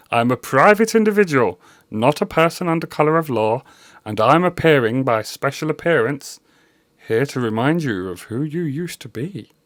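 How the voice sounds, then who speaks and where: A man's voice: mid-range voice, fairly bright tone, no room sound, clean studio sound, voice pushed up, lightly acted. A man playing a smug, scolding ghost of the past in a comedy sketch. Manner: lofty, scolding, theatrical.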